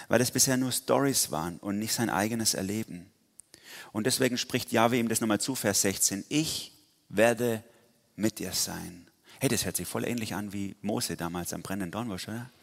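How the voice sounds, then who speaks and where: A man preaching a lively sermon in a casual style, with slang and frequent restarts. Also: lowish voice, gravelly, in a large hall.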